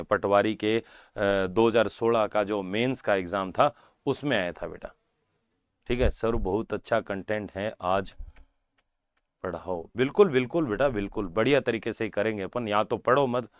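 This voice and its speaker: With a fairly low, clean-toned voice at normal speed, a man gives a live online computer class aimed at exam prep. He checks in with students, calls them "beta", and keeps repeating key terms. There's no room sound.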